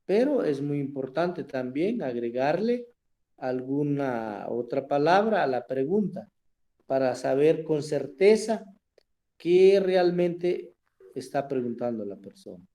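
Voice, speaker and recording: A man teaching a language class online, explaining slowly and often checking in with his students. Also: on the high side, big pitch swings, dark tone. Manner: slow, explanatory, asks "verdad?" often.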